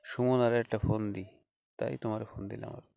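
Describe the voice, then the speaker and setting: For a conversational audio drama staged as a phone call, a male actor voices a courteous, unmarried ex-teacher from Bangladesh calling an old schoolfriend. Halting and unsure, he explains while dropping frequent small acknowledgements. His delivery is flat and fairly low, warm-timbred with some fry, with no echo.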